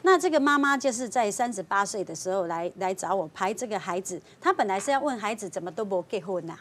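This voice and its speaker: A woman, a fortune-teller guest on a talk show, telling a story in a lively way and acting out the voices of the people in it. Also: mid-range voice, fast talker. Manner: lively storyteller, voicing clients and police.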